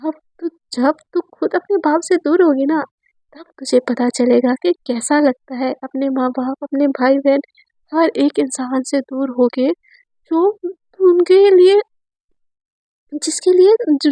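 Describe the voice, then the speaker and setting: A woman's voice: high-pitched, fairly even intonation, unhurried, mellow, no room sound. A woman voicing a mischievous, resentful young woman who teases her best friend mockingly. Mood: bitter. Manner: teasing, mocking.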